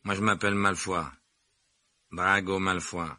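A man's voice: low voice, flat delivery, measured pace, no room sound, clean studio sound, full character voice. Man playing a sneering, arrogant rich boy. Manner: drawling, contemptuous, loud.

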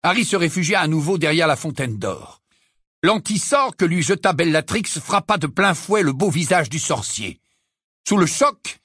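An audiobook narrator reading a fantasy tale with dramatic, expressive delivery. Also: mid-range voice, breathy edge, dry recording, clean studio sound. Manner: expressive, lively storytelling.

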